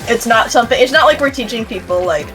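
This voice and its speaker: Woman gamer rambling on stream, loud game music behind. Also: on the high side, lively intonation, fast talker. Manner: rambling, restarts a lot. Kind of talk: casual chat while gaming.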